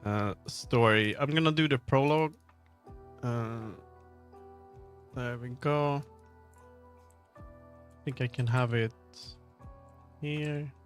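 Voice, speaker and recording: Speaking slowly at a medium pitch and pausing often, a male game developer chats on his livestream as he works. His talk is loose and rambling, full of half-finished thoughts spoken aloud, over background music.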